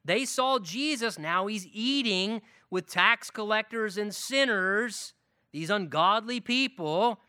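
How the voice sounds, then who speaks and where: A male pastor preaching with a bright, forceful tone and a voice that swings widely up and down. He stacks up short phrases one after another and hammers each point home. The sound is close and dry, with no room echo. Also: sits high, slow, smooth. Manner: emphatic, animated preaching with listed phrases. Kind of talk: sermon.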